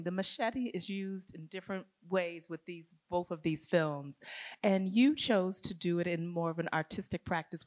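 A woman's voice: medium pitch, no echo, clean studio sound. A woman from Detroit, a curator, moderating a panel and asking long, winding questions full of "sort of", into a handheld microphone on stage. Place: museum auditorium stage, seated panel before an audience.

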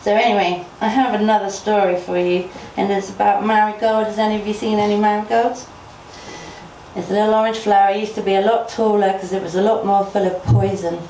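A woman telling folk tales in an unhurried, earnest way. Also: mid-range voice, little pitch movement, dark tone, slight background noise. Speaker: storyteller. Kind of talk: oral folk storytelling. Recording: roomy, voice from a distance.

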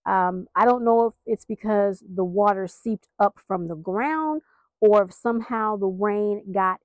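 Filming her backyard garden, this American host gives a chatty, folksy vlog update that rambles and sounds a little apologetic. She speaks unhurriedly in a mid-range voice, and the recording is dry.

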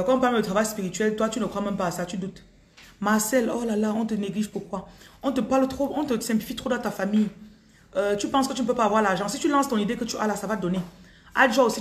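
A woman with a Cameroonian French accent reads viewers' energies on a live stream, repeating each name before she gives blunt advice. Her voice sits in the middle of the range. She talks into a phone in a room with a noticeable echo. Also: medium pitch. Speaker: spiritual reader on a live stream. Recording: roomy echo.

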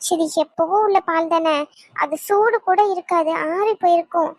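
A woman's voice: very high-pitched, fairly even intonation, normal speed, no room sound. A woman voicing an innocent, puzzled little girl in a cartoon, with a plaintive childlike way of talking.

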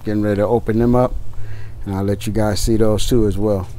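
Low-voiced, unhurried man chatting outdoors. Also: level tone. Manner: folksy, addresses viewers as y'all and guys. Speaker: barbecue vlogger. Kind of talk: casual chat while grilling. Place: outdoors beside a backyard grill. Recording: outdoor noise with faint sizzle.

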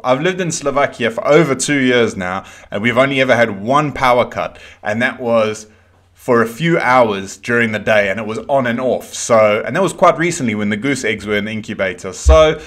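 A man's voice: medium pitch, a bit bright. A man, chatting casually while reacting to a video in a small room at home, rambling with frequent restarts. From South Africa.

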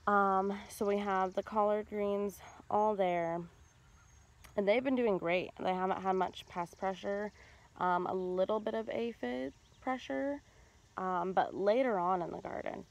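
A woman's voice: medium pitch, a little slow, creaky, highs cut off. Chatty woman touring her garden. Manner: relaxed, chatty, frequent ums. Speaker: home gardener vlogger. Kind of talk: casual garden tour narration. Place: outdoor garden. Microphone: handheld phone camera.

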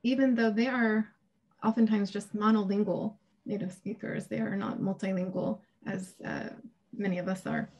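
A woman in her thirties presents her research over a video call from a small home room. She speaks casually with fillers and light laughter, in a mid-pitched voice with a noticeable gravelly fry. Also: fairly even intonation, moderate pace, a little mellow. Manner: casual, hesitant, laughs often. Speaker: academic presenter. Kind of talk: conference presentation and Q&A. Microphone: video call webcam.

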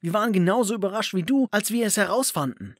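A man's voice: high-pitched, animated, fast talker, no echo, studio quality. A man voicing a middle-aged mother who earnestly defends herself, in a storybook narration. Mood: defensive.

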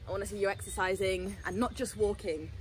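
A young woman vlogs casually to her phone camera, chatty and upbeat while poking fun at herself, with background music playing. Her mid-range voice is brisk with fairly even intonation, on a rough recording with a little hiss or hum.

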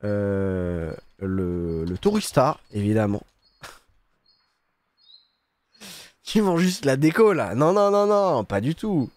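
Joking gamer, dry close mic. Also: male voice, fairly low pitch, very animated, extremely slow, long pauses, a little mellow, no room sound. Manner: joking, sarcastic, swears freely, hums sound effects. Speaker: gaming streamer. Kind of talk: casual let's-play commentary.

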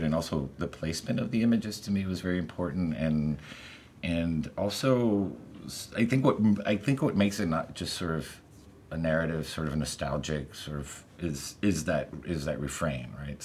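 A man in his forties reading his own poem in a measured, deliberate way, then talking it over reflectively in a studio interview. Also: rumbling low, darkish tone, slight background noise. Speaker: poet reading and discussing his own work. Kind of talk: poetry reading and studio discussion. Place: studio set, indoors.

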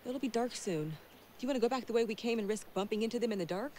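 A woman acts out a practical young hiker who speaks calmly and decisively in a slightly high voice. Faint noise sits behind her outdoors. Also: rapid-fire, natural voice. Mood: firm. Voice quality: calm and decisive. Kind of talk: film acting. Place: woods outdoors.

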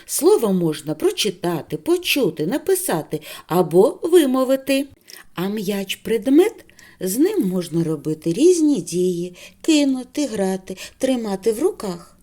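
A woman teaching young children a speech lesson, speaking slowly and clearly in a sing-song way. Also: medium pitch, sing-song, mellow. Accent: Ukrainian. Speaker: kindergarten teacher.

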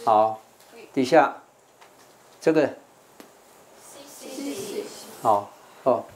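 An older man, a Taiwanese monk with a Taiwanese Mandarin accent, repeats English vocabulary words to drill his students' pronunciation, coaxing the class. His mid-range voice has a darkish tone and drawn-out words. A little hiss or hum is audible.

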